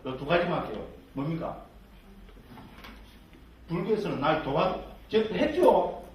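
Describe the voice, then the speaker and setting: A man's voice: on the high side, lively intonation, measured pace, a little mellow. A man teaching Buddhist scripture to lay believers, constantly checking in with tag questions and rhetorical questions and slipping in jokey asides. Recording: very echoey hall, mic far off.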